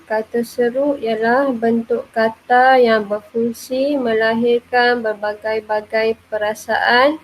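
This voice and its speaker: Woman teacher, fairly high voice, slow explaining delivery, faint noise in the background. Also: poor audio. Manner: says "okey" often, slow and explaining. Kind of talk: classroom grammar lesson.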